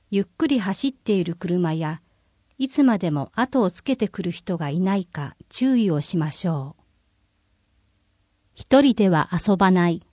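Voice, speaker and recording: A woman reads a city bulletin in an even, informative tone at a mid pitch. She slows down to spell out contact numbers. The recording is dry and close. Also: dry recording. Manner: clear, measured, informative reading, slowing for numbers. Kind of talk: scripted reading of public notices.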